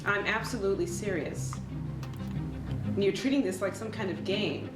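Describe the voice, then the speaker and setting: Fed-up, hurt wife, earnest and reproachful played by a woman, recorded distantly under loud music. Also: medium pitch, normal speed, lightly acted. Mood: angry, wounded. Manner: upset, serious, reproachful. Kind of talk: dramatic skit acting. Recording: roomy, distant, music over voice.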